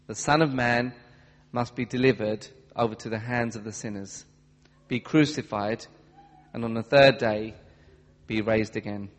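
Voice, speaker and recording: A man reading a Bible passage aloud to a church congregation, steady and careful. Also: mid-range voice. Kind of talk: scripture reading. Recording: long hall reverb.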